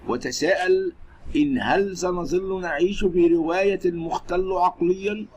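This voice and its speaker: A man's voice: sits high, rough recording. A man with an Egyptian accent narrating scripted news reports and commentary. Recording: steady background noise.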